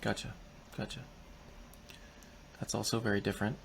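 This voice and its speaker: A man's voice: on the low side, level tone, normal speed, creaky, slight background noise. A man hosting a podcast, asking casual, rambling questions. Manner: conversational, rambling questions with restarts. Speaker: podcast host. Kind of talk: casual interview.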